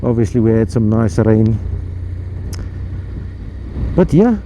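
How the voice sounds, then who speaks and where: Recorded outdoors on a helmet mic amid road and wind noise, a South African man motovlogs while riding through town. He rambles in a chatty, casual way, using fillers and playful rhymes. His voice is fairly low, mellow and expressive, and he speaks slowly.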